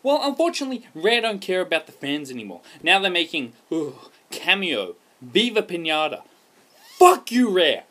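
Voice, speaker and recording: Australian male game reviewer, husky and fairly high voice, ranting and profane. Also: very animated, normal speed, hardly any pauses, pushed and bright. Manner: ranting, profane, emphatic outbursts. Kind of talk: casual game review over gameplay.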